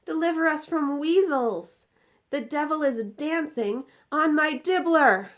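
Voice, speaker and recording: Woman putting on a loud, distressed storybook giant. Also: sits high, pitched above the performer's own voice. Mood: frantic, anguished. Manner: exclaiming, emphatic, drawn-out words. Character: distressed, indignant giant with quirky mangled grammar.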